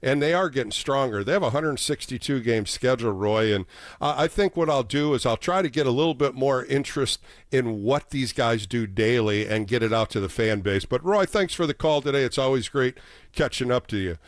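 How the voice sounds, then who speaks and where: A man's voice: medium pitch, expressive, fairly quick, no echo. Sports radio host, a dry-sounding man. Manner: conversational, addresses callers by name. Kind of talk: casual live sports talk.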